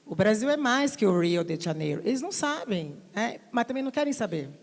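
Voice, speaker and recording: A fairly high-voiced woman from Brazil talks on a festival panel, full of life, switching into teasing imitations of others. Her voice carries a long reverb from a big hall. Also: brisk. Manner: animated, mimics others with playful voices. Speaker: author speaking on a literary panel. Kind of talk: lively panel talk. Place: large hall at a literary festival.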